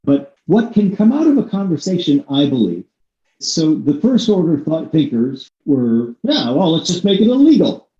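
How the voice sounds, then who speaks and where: A man's voice: a little high, sing-song, normal speed, mellow. A man hosting a podcast interview, talking in long, discursive turns with swings of emphasis. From United States. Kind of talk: conversational interview. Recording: echoey room, slightly dull sound.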